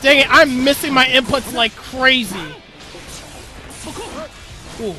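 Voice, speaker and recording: A young man commentating his own fighting-game matches, panicking, cheering and talking himself calm. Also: very high voice, slow, music in the background. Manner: excitable, shouts and panics during fights; talks himself calm with repeated okays. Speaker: gaming streamer. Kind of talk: live gameplay commentary.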